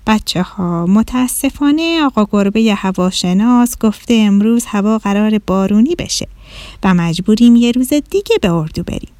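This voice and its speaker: A woman's voice: mid-range voice, lively intonation, a little mellow, dry recording, close to an everyday voice. A woman voicing a kindly but exasperated male owl schoolteacher in a children's storybook. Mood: teacherly. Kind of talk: storybook narration.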